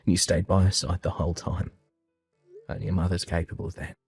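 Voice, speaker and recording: A man calmly telling his own family story in the first person and voicing his part of the dialogue with reassuring warmth. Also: deep voice, fairly quick, gravelly, slightly rough, dry recording, faint music behind. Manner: calm, reassuring, heartfelt.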